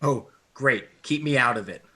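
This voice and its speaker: A man's voice: mid-range voice, moderate pace, sharp tone. A man reading a whiny, fretful teenage boy in an unrehearsed script read-through. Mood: sulky.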